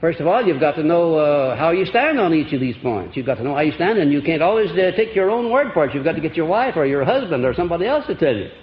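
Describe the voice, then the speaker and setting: High-voiced man on an old recording. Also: very animated, fast, hardly any pauses. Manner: folksy, chuckling, quizzes his audience. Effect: old archival recording. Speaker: seminar lecturer. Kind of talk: motivational seminar lecture. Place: lecture hall before a live audience. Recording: echoey, dull old lecture-hall tape with faint hiss.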